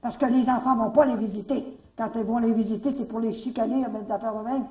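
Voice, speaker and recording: A woman with a Canadian French accent telling faith stories at a retreat, lively, repeating herself and rising into exclamations. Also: fairly high pitch, fast talker. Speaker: retreat speaker. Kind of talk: storytelling talk. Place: retreat hall. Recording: echoey room, mic far off.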